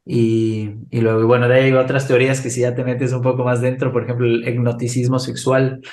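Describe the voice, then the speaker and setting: A man with an Ecuadorian accent, a podcast guest telling a lively anecdote in casual conversation, laughing often. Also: medium pitch, fairly quick, roomy sound. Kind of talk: casual storytelling interview.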